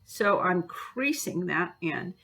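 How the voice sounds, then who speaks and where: Lively, chatty woman teaching a craft. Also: fairly low pitch, slow. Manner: chatty and encouraging, hums and sings while working. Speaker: art teacher. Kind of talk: bookbinding demonstration.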